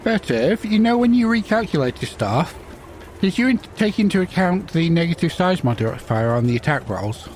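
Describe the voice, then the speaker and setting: A man's voice: high voice, very animated, normal speed, darkish tone, a little hiss or hum. A man talking casually about rules as a player in a tabletop game.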